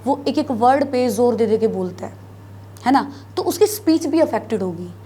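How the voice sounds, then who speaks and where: A woman with a North Indian Hindi accent teaches biology in a classroom lecture, blending Hindi with English terms and asking and answering her own questions. Her voice sits on the high side, animated and warm, at a moderate pace. There's slight background noise.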